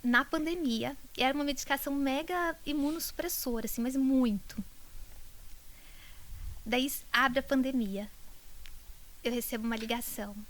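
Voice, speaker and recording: Doctor lady on a podcast, highish voice, gets all emotional and goes whispery when the story gets tense. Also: moderate pace, long pauses. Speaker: doctor treating multiple sclerosis patients.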